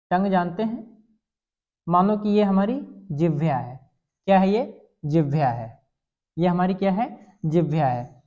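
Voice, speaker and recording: A man's voice: high voice, a little mellow. A male teacher giving a Hindi grammar lesson. He asks questions, answers them himself and sounds out the vowels aloud. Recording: slightly dull lo-fi sound.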